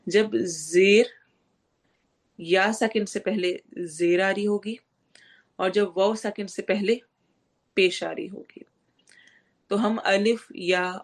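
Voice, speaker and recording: A woman teaching tajweed. She recites verses slowly and drawn out, then explains pronunciation rules step by step. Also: mid-range voice. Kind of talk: online tajweed lesson.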